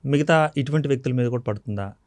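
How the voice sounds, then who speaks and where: A man's voice: medium pitch, fast talker, darkish tone, no echo. Male Telugu news anchor, dry studio sound. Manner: frequent murmured acknowledgements, formal questions. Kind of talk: TV news interview.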